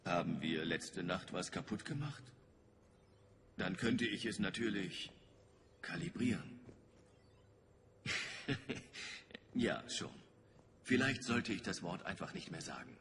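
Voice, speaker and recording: Deep wry crewmate guy in a game, long reverb and noisy audio. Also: animated, measured pace. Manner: casual, wry banter. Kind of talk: video game dialogue, German dub.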